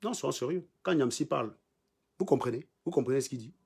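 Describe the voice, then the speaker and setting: A man's voice: mid-range voice, expressive, a little fast, gravelly, a little mellow, breathy edge. Combative man ranting on a livestream. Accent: Cameroonian French. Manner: mocking, combative, repeats lines for emphasis. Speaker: livestream host. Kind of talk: insulting live-stream rant.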